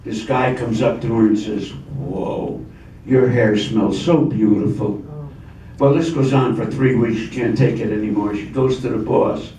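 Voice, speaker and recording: An older man telling a string of jokes to a live audience, in a steady storytelling delivery. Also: mid-range voice, brisk, few pauses. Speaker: joke teller. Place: hall of a community forum. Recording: roomy, distant sound with faint ambient noise.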